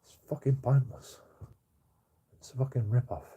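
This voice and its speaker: In a casual, opinionated livestream rant, a blunt Bradford host in his forties, with a West Yorkshire accent, talks in a mellow, medium-pitched voice. His tone stays steady at a moderate pace, with a bit of hiss or hum in the audio. He's sweary and repetitive, often closing sentences with "you know."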